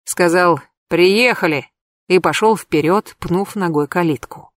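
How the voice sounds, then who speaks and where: A woman narrating a comic crime novel in the first person, in a lively, ironic storytelling manner. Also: fairly low pitch, normal speed, no echo, clean studio sound. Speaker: audiobook narrator.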